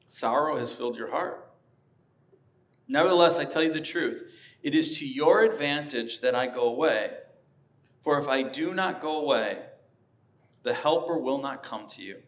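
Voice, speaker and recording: A man preaching a sermon as a pastor, earnest and emphatic, rising to passionate peaks. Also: medium pitch. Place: church sanctuary.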